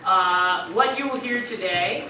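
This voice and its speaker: A woman teaching a dialects class, brisk and upbeat, quizzing her students before a performance. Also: medium pitch. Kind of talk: classroom introduction with quiz questions. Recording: echoey room, far mic, noise.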